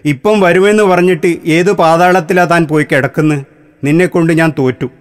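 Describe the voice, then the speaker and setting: A man's voice: a little high, fairly even intonation, normal speed, close to an everyday voice. A man voicing an impatient scolding priest. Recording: long hall reverb.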